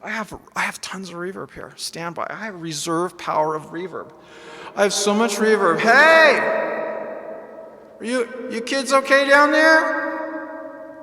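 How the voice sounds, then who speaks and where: A man's voice: sits high, unhurried, long pauses, bright, forceful tone. A man hosting a rambling mock talk show, his voice soaked in heavy echo-chamber reverb. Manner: joking, rambling, swears casually. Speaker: host of a mock home show.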